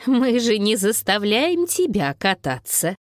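A woman voicing a kind, gently teasing grandmother who speaks calmly, read as an audiobook. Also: medium pitch, unhurried, no echo, clean studio sound. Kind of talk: audiobook narration.

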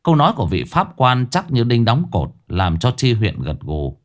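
A man's voice: mid-range voice, wildly swooping pitch, normal speed. A man narrating a ghost story in a theatrical, swinging way. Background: faint music.

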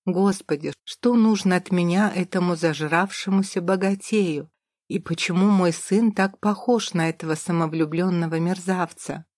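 Female audiobook narrator, first person, dramatic delivery, low register, dry. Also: fairly even intonation, normal speed, darkish tone, no echo. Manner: dramatic, vivid storytelling.

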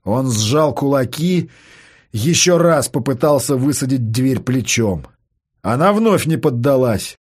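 A man reading a story aloud, narrating in a steady, dramatic way. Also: medium pitch, measured pace, husky.

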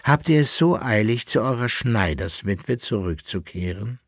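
A man's voice: lowish voice, expressive, moderate pace, husky, no room sound, clean studio sound, voice pushed up. A man voicing a teasing masked noblewoman. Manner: teasing, playful and sharp.

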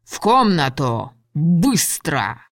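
A woman's voice: deep voice, lively intonation, a little slow, dry recording, clean studio sound. A woman voicing a cold, stern male dragon lord who gives icy, clipped commands. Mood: cold, angry.

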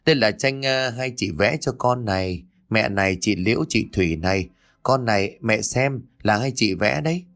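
A man's voice: fairly low pitch, lively intonation, moderate pace, a bit bright. A man voicing a small boy who whines and pleads in a raised childish voice. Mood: eager. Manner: whiny, pleading. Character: small boy, whiny and insistent.

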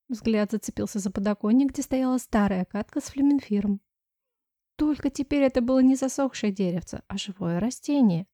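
Warm, higher-pitched woman narrating a story. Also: no echo, clean studio sound. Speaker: audiobook narrator. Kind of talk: first-person story narration.

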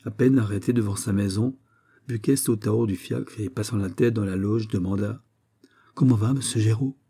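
Low husky male audiobook narrator. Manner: measured, steady storytelling. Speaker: audiobook reader.

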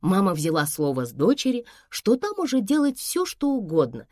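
A woman narrating a first-person story in an expressive, conversational way. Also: medium pitch, moderate pace, no room sound, studio quality.

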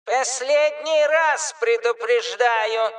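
A woman voicing a stern mechanical announcer that delivers formal, officious warnings in a slow, clipped way. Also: a little high, distant mic, voice pushed up. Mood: threatening.

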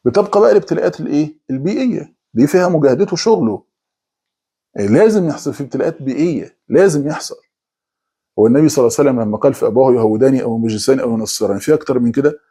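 A middle-aged man with an Egyptian accent giving a conversational religious talk, slipping into quick mock voices of people making excuses. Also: mid-range voice, lively intonation, mellow, slightly rough. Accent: Egyptian Arabic. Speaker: preacher.

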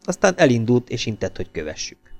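A man narrating an audiobook in a steady storytelling manner. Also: medium pitch, vocal fry, soft background music. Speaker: audiobook reader.

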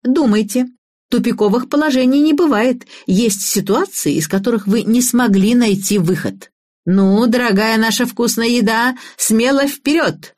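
A woman reading the part of a bossy middle-aged female game organizer, giving brisk commands in a somewhat husky voice. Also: on the high side, darkish tone, dry recording, clean studio sound, pitched above the performer's own voice, natural voice. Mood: commanding.

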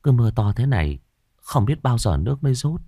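A man's voice: mid-range voice, big pitch swings, brisk, dark tone, no echo, clean studio sound, voice pushed up. A man voicing a frightened middle-aged mandarin's wife, speaking in a raised, anxious, pleading voice. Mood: worried.

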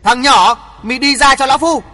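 Brief: storyteller playing a hot-tempered old man martial master, loud and bright, bellowing threats, echoing hall. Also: very high-pitched, expressive, fast, slightly rough, pitched above the performer's own voice, exaggerated voice. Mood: angry, blustering. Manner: angry, blustering shouts.

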